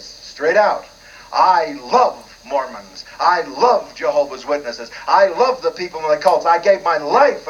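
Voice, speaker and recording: A middle-aged man preaching a fiery, emphatic sermon, hammering his points with repeated words. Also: high-pitched. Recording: dull lo-fi radio broadcast.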